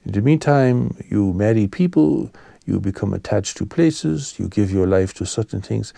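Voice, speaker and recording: A man giving a spiritual sermon as a teacher, calm, gentle and solemn, in measured short phrases, his soft voice turning breathy at phrase ends. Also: fairly low pitch, dry recording.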